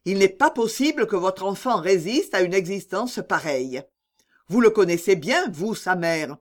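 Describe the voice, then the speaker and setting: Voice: mid-range voice, animated, moderate pace, close to an everyday voice. Reader doing indignant doctor, storybook, impassioned pleas. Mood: pleading. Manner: impassioned, pleading. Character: indignant male doctor pleading for a boy.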